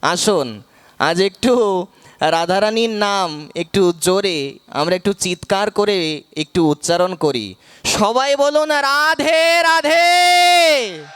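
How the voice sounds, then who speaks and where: A man giving a devotional discourse at a night gathering, preaching in a melodic way and leading the crowd in call-and-response chanting, his voice hoarse from calling out. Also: high-pitched, animated, takes it slowly, long pauses. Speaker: Bhagavat reader and preacher.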